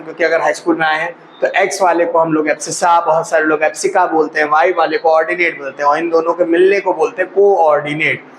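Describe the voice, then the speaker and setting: A man's voice: on the high side, a bit bright, a little hiss or hum, low-quality recording. A male maths teacher explaining a lesson to students. He asks them questions and answers them himself, and calls them brother or child.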